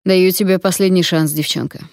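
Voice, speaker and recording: A sneering, short-tempered male gang boss who barks orders and mocks his captive, read by a woman narrator. The voice sits fairly low and sounds close and dry, with no room around it. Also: fairly even intonation, normal speed, vocal fry, a little mellow, no room sound. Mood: snarling. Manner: barking, mocking. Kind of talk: audiobook character reading.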